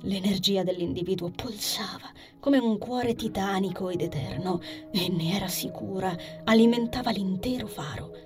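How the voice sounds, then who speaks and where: Expressive woman narrating a fantasy story. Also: mid-range voice, normal speed, music in the background. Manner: expressive reading that drops into soft whispers. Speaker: audiobook narrator. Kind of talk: scripted narration of a fantasy novel.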